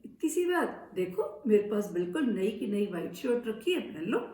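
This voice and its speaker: A woman's voice: mid-range voice, sing-song, moderate pace, dark tone, reverberant, distant mic, lightly acted. A woman voicing a cheeky, greedy male monkey trickster in a children's story, with a sing-song, demanding way of talking.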